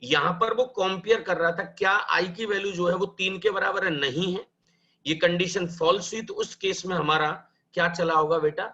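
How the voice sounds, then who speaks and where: A man's voice: sits high, steady tone, normal speed, sharp tone, highs cut off. A man teaching a live programming class, explaining step by step, asking questions and answering them himself. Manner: mixes Hindi and English, calls students "bhai" and "beta".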